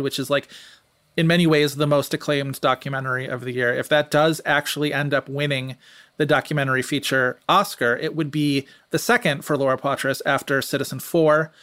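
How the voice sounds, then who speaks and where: A man's voice: fairly high pitch, fairly bright tone, dry recording. A man talking casually and analytically as a podcast panelist, discursive and often interrupting himself. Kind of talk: casual analytical film-awards chat.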